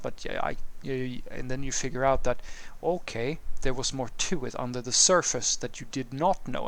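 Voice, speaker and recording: A native Swedish speaker from Sweden, working as a software developer, answers a viewer's programming question in an unscripted, casual monologue. His middle-pitched voice is gravelly, creaky and a bit bright, and he rambles, restarts sentences and piles up fillers while thinking aloud.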